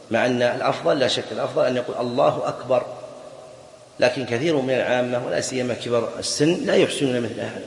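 Male teacher, mid-pitched voice, lecturing point by point with rhetorical questions, in a roomy hall with long reverb. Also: creaky. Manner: explains point by point, repeats key phrases, asks rhetorical questions. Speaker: Islamic jurisprudence teacher. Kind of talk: classroom lecture on a fiqh text.

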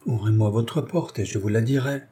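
Humble, devoted young suitor, soft and respectful, read by a male narrator. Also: mid-range voice, moderate pace, husky, close to an everyday voice. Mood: gentle pleading. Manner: gentle, respectful pleading. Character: timid, devoted young man, earnest and humble.

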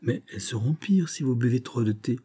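In an audiobook reading, a man voices an anxious, kindly young woman who gossips fretfully and fusses gently over her friend with tender concern. His voice is medium-pitched, husky, animated and a little fast.

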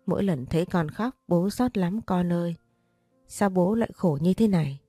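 A woman's voice: on the low side, moderate pace, mellow, no room sound, clean studio sound, soft background music, lightly acted. A woman voicing the spirit of a dead older father, tender and pleading with his family in an audio story. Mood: grieving.

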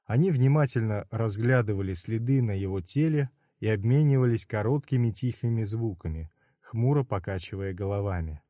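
A man reading a novel aloud in steady, measured scripted narration. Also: fairly low pitch, dry recording, clean studio sound. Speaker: audiobook narrator.

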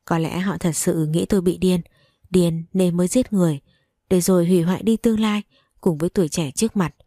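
A woman reads a first-person novel aloud with emotional, dramatic storytelling. Her voice is low and mellow. The recording is dry and close. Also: fairly even intonation, brisk, no room sound. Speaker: audiobook reader.

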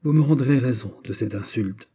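A man plays a haughty English duke whose every phrase carries a note of challenge. He stays cool and phlegmatic, in a dark, husky voice. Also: mid-range voice, normal speed, lightly acted.

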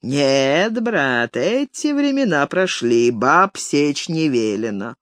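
A reader voicing a stern, impatient male estate manager who scolds curtly in a lowered voice. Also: very animated, slow pace, a bit bright, no room sound. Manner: curt, severe scolding. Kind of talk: audiobook character reading.

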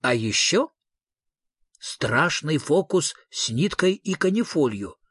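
A calm, kindly inventor speaks gently and persuasively, in a husky, slightly raised voice, as a man reading an audiobook plays him. The recording is dry and close. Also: a little high, slow, no room sound, exaggerated voice.

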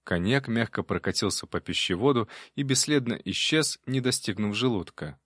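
A man's voice: lowish voice, lively intonation, normal speed, a bit bright, slightly rough, no room sound, clean studio sound. A man reading a first-person audiobook in a wry, conversational storytelling manner. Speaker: audiobook narrator.

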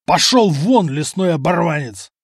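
A man's voice: on the high side, expressive, unhurried, darkish tone, dry recording, studio quality. A man voicing a proud, greedy middle-aged count who speaks arrogantly and indignantly.

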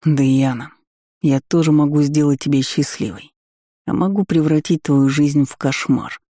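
Guy doing menacing dragon lord, slow clipped threats, dry close sound. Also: on the high side, fairly even intonation, warm tone, dry recording, close to an everyday voice.

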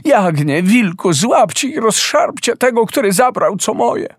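A proud enchantress woman shrieks her commands in a high, strained, loud voice, as a male storyteller puts her on. Her pitch leaps and swings wildly, well above the reader's own. The recording is close and dry, with no room sound. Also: sing-song, unhurried, dry recording, full character voice. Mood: desperate, commanding. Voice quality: raised high shouting calls.

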